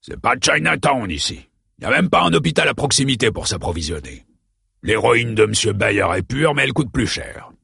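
A man voicing a menacing male gang thug with a knife, talking in gruff, threatening street slang with a gravelly, husky voice. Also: medium pitch, sing-song, moderate pace, bright, forceful tone, no echo, studio quality, heavily acted. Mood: scornful.

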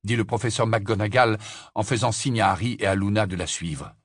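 A man reading a storybook aloud as narrator, with an expressive delivery. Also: on the low side, brisk, no echo, studio quality. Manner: expressive reading, varied intonation. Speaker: audiobook narrator.

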